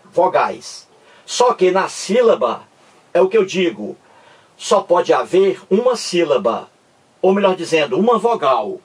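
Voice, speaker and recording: A man teaching a grammar lesson, slow and repetitive, often checking that the class follows. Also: a little high, far from the mic, a little hiss or hum.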